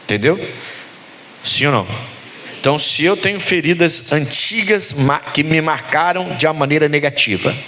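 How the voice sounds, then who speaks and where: A pastor delivering a lively sermon, his fairly high-pitched male voice leaping up for emphasis. He keeps calling out to the congregation for their amens as he preaches. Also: normal speed.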